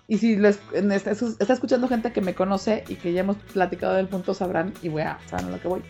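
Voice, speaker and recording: A young adult woman with a Mexican accent, talking casually as a co-host, animated and quick to laugh. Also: medium pitch, creaky, faint music behind. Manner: animated, laughs often, acts out quoted reactions. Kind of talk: casual chat.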